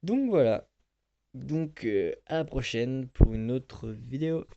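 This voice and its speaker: A man talks through a casual screen-recording tutorial in a relaxed, rambling way. He often stops to hesitate and fills the gaps with small filler words. His voice sits at an ordinary middle pitch. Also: unhurried, clear, resonant tone, highs cut off. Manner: chatty, rambling, lots of "donc voilà" and hesitations. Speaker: tutorial video host.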